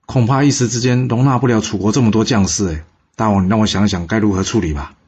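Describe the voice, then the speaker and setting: A man voicing a timid male ruler of a small ancient state, hesitant and apologetic, husky voice on a dull recording. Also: lowish voice, fast, a little mellow.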